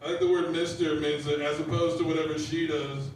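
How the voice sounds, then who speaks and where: Man, stand-up comic, deadpan one-liners, slightly high voice, very echoey room, distant mic. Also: fairly quick, a little hiss or hum. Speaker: stand-up comedian. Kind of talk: stand-up set at an open mic. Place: lounge bar with a live audience.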